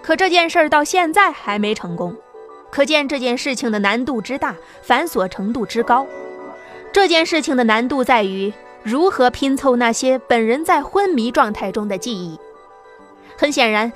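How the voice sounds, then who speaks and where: A woman with a high voice narrates an apocalyptic sci-fi audiobook, telling the story in a lively, dramatic way over soft music.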